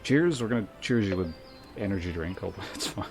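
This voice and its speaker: A deep-voiced male streamer talks briskly and animatedly over game music. He chats casually as he plays, rambling through his thoughts aloud and swearing at times.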